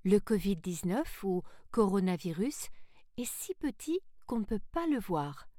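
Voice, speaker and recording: A woman voicing a mother who is a scientist, explaining things slowly and soothingly. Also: medium pitch, big pitch swings, warm tone, dry recording, clean studio sound. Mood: reassuring. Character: gentle mother and scientist, calm and reassuring.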